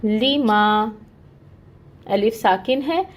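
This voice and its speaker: A woman with a fairly high voice gives an online recitation lesson at an unhurried pace. She explains each rule patiently and checks in with her students as she goes. When she models a sound, she holds it long. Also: slight background noise. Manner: patient, explains step by step and often checks in with "okay"; draws out demonstrated sounds. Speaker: Quran recitation teacher.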